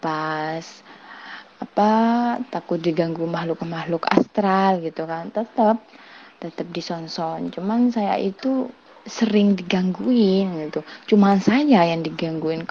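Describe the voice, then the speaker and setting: A woman from Indonesia casually telling a true ghost story, animated, acting out quoted people and mimicking noises. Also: on the low side. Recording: dull lo-fi sound.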